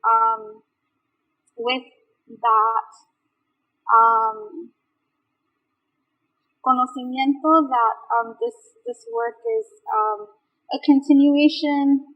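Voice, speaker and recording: A woman speaking reflective remarks slowly and hesitantly, with many pauses and fillers. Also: on the high side. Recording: dull lo-fi audio.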